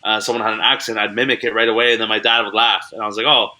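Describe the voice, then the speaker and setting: A man's voice: lowish voice, level tone, very fast, sharp tone, poor audio. A young man from Canada, a comedian chatting as a guest over a video call in a laid-back, slangy way. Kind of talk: casual interview chat.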